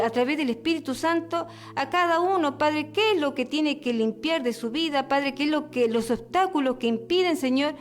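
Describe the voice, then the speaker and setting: A woman preaches on the radio in a high, earnest voice. She circles back over her words and fills her prayer with repeated calls to the Father and the Lord. Faint music sits underneath. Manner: earnest, repeats words and restarts, prayer full of "Padre" and "Señor".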